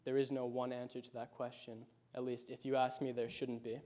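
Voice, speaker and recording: A late-teen boy who is a high school senior reads his prepared personal speech aloud, recounting his story reflectively and at a measured pace. His pitch stays fairly level with little movement, and his voice is mellow and somewhat dark.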